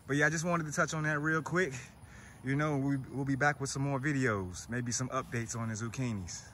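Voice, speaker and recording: A man giving a casual gardening walkthrough outdoors, slightly out of breath and talking in a relaxed, chatty way. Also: mid-range voice, a little fast, a little hiss or hum. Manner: relaxed, chatty, thinking aloud with fillers. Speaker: gardening vlogger.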